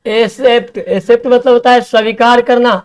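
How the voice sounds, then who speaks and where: Man, classroom English-vocab teacher, clear smooth voice, spells words out, coaxing. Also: extremely high pitch, flat delivery, a little mellow. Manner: spells words letter by letter, coaxing students to write fast.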